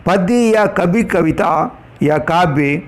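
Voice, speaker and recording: A man giving a measured lecture on pronunciation to trainee teachers, explaining each point slowly and reciting Sanskrit verses. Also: high voice.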